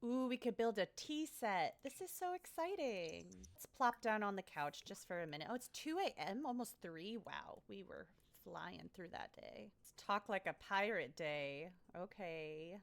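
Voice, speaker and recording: A woman's voice: mid-range voice, lively intonation, normal speed, vocal fry, few pauses. A young woman casually narrating her gameplay, bubbly, chatty and easily delighted. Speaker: let's play host.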